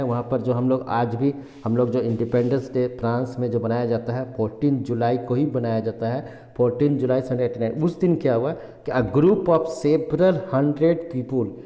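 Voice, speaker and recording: A male teacher giving a Hindi history lesson. He reads English textbook lines slowly, word by word, and then explains them in Hindi, often repeating himself. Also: mid-range voice, warm tone. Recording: echoey room with long reverb.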